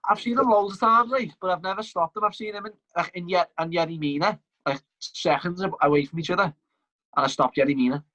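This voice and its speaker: A man's voice: sits high, fairly even intonation, fast talker, pushed and bright, highs cut off. A man with a Liverpool accent chatting and bantering casually as a podcast co-host. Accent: Liverpool (Scouse).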